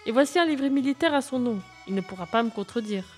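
A woman's voice: fairly high pitch, lively intonation, fast, soft background music, voice pushed up, close to an everyday voice. A woman voicing a clever, bold young girl who gives orders with confidence. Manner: bright, commanding, triumphant.

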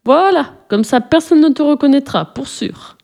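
A woman voicing a jaunty old male ghost, a mustached great-great-great-uncle, in a storybook reading, talking in a lively, teasing way. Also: medium pitch, normal speed, lightly acted. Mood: bossy, pleased.

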